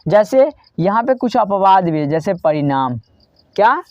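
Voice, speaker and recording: A woman's voice: mid-range voice, very animated, measured pace, a little mellow, dry recording. A woman teaching a grammar lesson, asking a question and answering it herself over and over. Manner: drilling students with repeated questions and answers. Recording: dull dry lo-fi recording.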